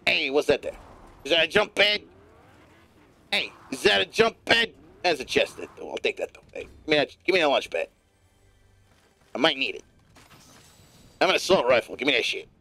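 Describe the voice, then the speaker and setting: A man streaming a game live, giving profane, rambling running commentary in a put-on gravelly smoker's rasp. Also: fairly high pitch, very animated, moderate pace, long pauses, bright, forceful tone.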